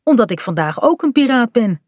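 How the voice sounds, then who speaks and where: A woman's voice: a little high, sing-song, a little fast, a little mellow, no room sound, clean studio sound, voice pushed up. A woman voicing a cheeky, playful little pirate boy in a children's storybook.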